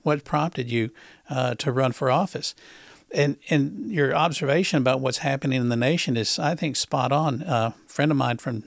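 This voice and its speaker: A male talk show host, interviewing in a halting way, repeating words and filling pauses with uh. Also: mid-range voice, gravelly, no room sound, studio quality. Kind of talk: conversational political interview.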